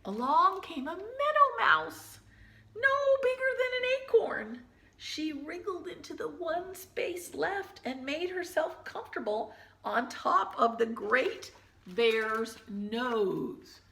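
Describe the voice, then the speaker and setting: A woman teacher reading a children's picture book aloud, gently pausing to point out the pictures in hushed asides. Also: high-pitched, expressive, creaky, echoey room.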